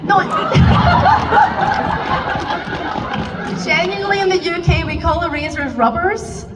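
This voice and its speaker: A Scottish woman moderating a convention panel, chatty and self-deprecating, with quick asides. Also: extremely high pitch, very animated. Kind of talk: lively convention panel hosting. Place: large convention hall with audience. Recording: echoey convention hall from far off, crowd noise.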